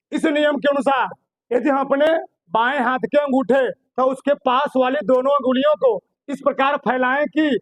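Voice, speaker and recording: High-voiced male teacher quizzing class. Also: no room sound, poor audio. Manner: repetitive, quizzing students with questions. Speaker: physics teacher. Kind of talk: classroom lecture.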